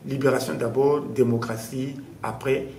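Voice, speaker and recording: A man's voice: fairly even intonation, moderate pace, a little mellow. A man from DR Congo, hosting a TV interview and asking questions formally and politely. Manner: formal and polite, mixing in Lingala. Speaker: TV show host. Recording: roomy echo with faint rumble.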